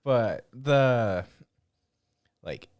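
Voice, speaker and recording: A man co-hosting a casual podcast, laid-back and measured, often murmuring agreement while his co-host talks. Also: mid-range voice, lively intonation, darkish tone, dry recording. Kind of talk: casual chat.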